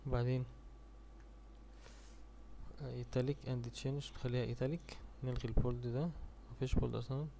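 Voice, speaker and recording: A man with an Egyptian Arabic accent teaching a screen-recorded software tutorial. He reads each step aloud in English, then thinks it through aloud in Arabic. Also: mid-range voice, steady tone, normal speed, creaky, long pauses, slight background noise. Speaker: software instructor.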